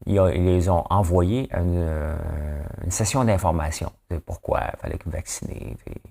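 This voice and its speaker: A man with a very low voice and a Quebec French accent, hosting his daily news commentary. He talks casually and rambles from point to point. He keeps tossing out rhetorical questions. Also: normal speed, creaky, mellow. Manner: rambling, asks rhetorical questions, often tags "hein?".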